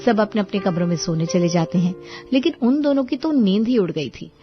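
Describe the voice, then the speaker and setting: A woman telling a scripted cartoon story in an even, steady voice of middle pitch. The audio is dull and lo-fi, with background music playing softly underneath. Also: a little fast. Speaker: narrator.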